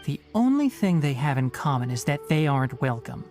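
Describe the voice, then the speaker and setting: An actor voicing a brisk, decisive young forest ranger who speaks curtly and impatiently. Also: male voice, on the high side, big pitch swings, darkish tone. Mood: serious. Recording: game audio with background music.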